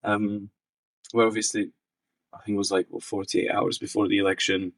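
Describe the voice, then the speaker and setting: A young researcher from the Czech Republic speaks in a very low, slightly husky voice. He answers interview questions thoughtfully, circling back and restarting his sentences. The recording is dry and picks him up from some distance. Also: little pitch movement, normal speed, no echo. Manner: thoughtful, many restarts and fillers. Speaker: researcher guest.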